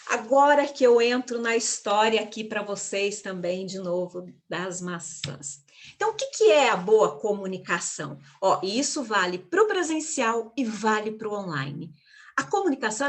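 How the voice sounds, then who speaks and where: Woman teaching public speaking on a video call, punchy, lots of rhetorical questions, stretches words out. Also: mid-range voice. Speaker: communication speaker, guest of an online live. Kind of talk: online lecture on public speaking.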